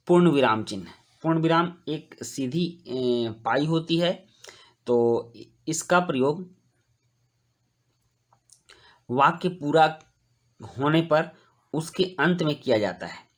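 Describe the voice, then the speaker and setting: A man teaching a grammar lesson to young schoolchildren, explaining slowly and clearly and reading example sentences aloud. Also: a little high. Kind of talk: Hindi grammar lesson for children.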